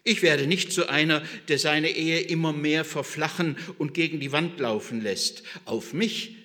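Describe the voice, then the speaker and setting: A preacher voicing an earnest young husband. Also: male voice, a little high, a little slow, pushed and bright, in a large hall. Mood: resolute. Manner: earnest, resolute promises. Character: earnest young husband, full of good intentions.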